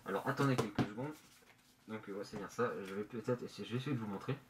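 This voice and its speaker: A man presenting casually in a halting, hesitant way, his voice slightly muffled through a face mask in a bedroom. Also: on the low side. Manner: hesitant, halting, searching for words. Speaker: manga review vlogger. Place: bedroom, indoors. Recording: noisy amateur room recording.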